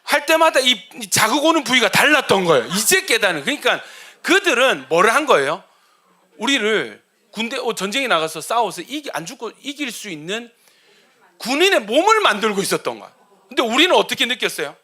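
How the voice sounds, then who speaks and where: Animated, bright-voiced male pastor preaching. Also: very high-pitched, a little fast. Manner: animated, asks the congregation questions; humorous storytelling. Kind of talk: sermon.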